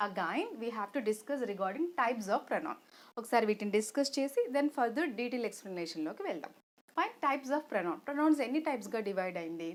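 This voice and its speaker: A woman with a Telugu accent teaching an online English grammar lesson, explaining step by step and asking rhetorical questions, switching between Telugu and English. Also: on the high side.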